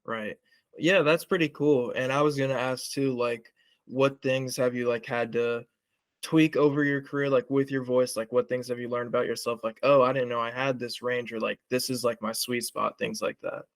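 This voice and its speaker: A man's voice: medium pitch, fairly even intonation, moderate pace, dry recording. A man interviewing a voice actor, casual and laid-back, saying "like" often. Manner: laid-back, many "like" fillers. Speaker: interviewer, project maker.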